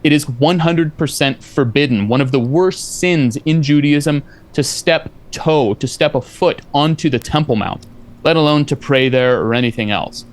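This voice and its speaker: A debate guest whose family comes from Eastern Europe argues heatedly in a slightly high voice at a moderate pace. He talks insistently and lectures, interrupting with repeated no's.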